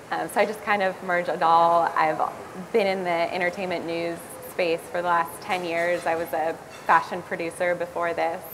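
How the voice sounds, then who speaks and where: A woman's voice: lowish voice, a bit bright, a little hiss or hum, rough recording. A woman blogger and wardrobe stylist introducing herself on a panel at an event, matter-of-fact. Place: event hall.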